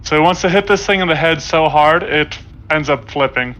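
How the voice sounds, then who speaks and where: A man with a bright, slightly higher voice playing a tabletop game. He lays out his moves and rules questions step by step in casual talk. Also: normal speed, low-quality recording. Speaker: player.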